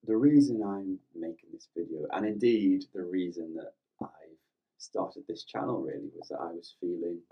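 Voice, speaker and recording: Deep, slow, breathy meditation guide. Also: male voice, recorded from a distance. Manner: gentle, reflective and soft-spoken. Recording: slightly dull lo-fi recording with faint music.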